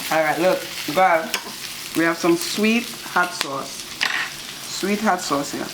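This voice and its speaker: A woman with a very low-pitched voice talks casually as co-host of a cooking vlog. Clear frying and sizzling noise runs behind her words. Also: takes it slowly. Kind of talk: casual chat while cooking. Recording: loud sizzling food close by. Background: frying and sizzling on a grill.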